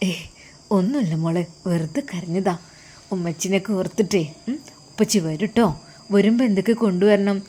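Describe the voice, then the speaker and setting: A woman doing a soft, grieving father. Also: mid-range voice, moderate pace, close to an everyday voice. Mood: hushed. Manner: soft, soothing, hushed. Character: gentle, grieving young father, soft-spoken.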